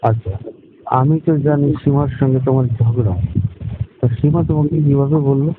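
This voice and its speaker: A man's voice: medium pitch, brisk, slight background noise, natural voice. A man playing a defensive young boyfriend who denies and pleads over a tinny phone line. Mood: placating. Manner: defensive, pleading, repeats questions back. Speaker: boyfriend in staged phone call. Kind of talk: staged phone-call drama.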